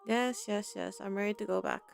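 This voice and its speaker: A woman gaming streamer plays with game music in the background, offering casual commentary and reading dialogue choices aloud. Her voice is medium in pitch, steady, brisk, and creaky.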